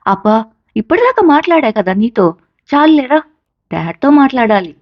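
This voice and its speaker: A woman's voice: sits high, big pitch swings, moderate pace, no echo, muffled recording, pitched above the performer's own voice. A woman doing an unsure young student son. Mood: eager. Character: doubtful young male college student, her son.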